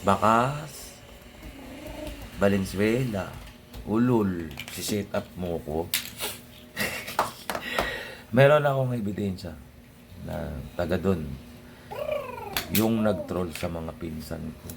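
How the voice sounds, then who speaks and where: A man's voice: low-pitched, takes it slowly, gravelly, pauses often, noisy background. A young man ranting casually to his viewers in a blunt, sardonic way, swearing often and muttering asides under his breath. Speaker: vlogger.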